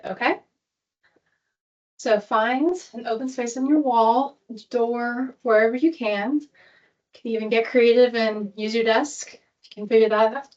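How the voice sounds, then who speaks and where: A woman's voice: on the high side, darkish tone, highs cut off. A woman leading an exercise class as instructor, giving cues and countdowns in an encouraging, peppy manner. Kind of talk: workout coaching with cues and countdowns.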